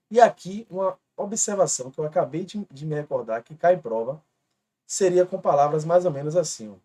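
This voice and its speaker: A man from Brazil teaching an exam-prep grammar lesson, explaining step by step and repeating each example word slowly while he writes on a board. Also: on the high side, dark tone.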